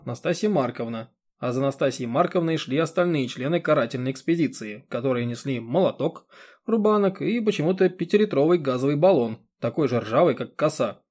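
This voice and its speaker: A man reading an audiobook in a steady, even narrating voice. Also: mid-range voice. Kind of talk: scripted narration.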